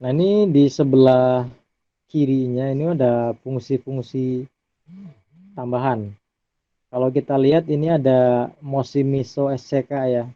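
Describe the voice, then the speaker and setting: A man giving a relaxed recorded lecture over slides, often tagging his sentences with a questioning "ya". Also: medium pitch, unhurried, pauses often, no room sound. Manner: relaxed, adds tag "ya" often. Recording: dry, phone-like audio.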